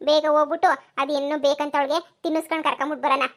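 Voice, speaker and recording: A woman's voice: sits high, flat delivery, rapid-fire, close to an everyday voice. A woman voicing a kind, forgiving young daughter-in-law in a cartoon, speaking soothingly. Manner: soothing, reassuring. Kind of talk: cartoon voice acting.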